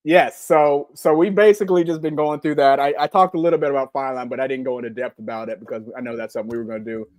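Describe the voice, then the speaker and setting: A man in his forties with a Southern US accent, co-hosting a live podcast in relaxed, rambling casual chat with many filler ums. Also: medium pitch, fast talker, few pauses, dry recording. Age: 40s. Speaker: podcast co-host.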